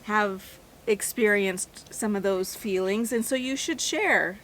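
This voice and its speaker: A woman's voice: mid-range voice, slow pace, a bit bright. A woman co-hosts a vlog in a casual, conversational way. She speaks off the cuff, and there is faint ambient noise behind her. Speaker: RV travel vlog co-host. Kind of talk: casual unscripted vlog chat.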